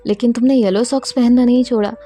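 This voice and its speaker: A woman voicing a reserved young woman who answers in short, quiet replies. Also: a little high, steady tone, quick pace, soft background music, natural voice.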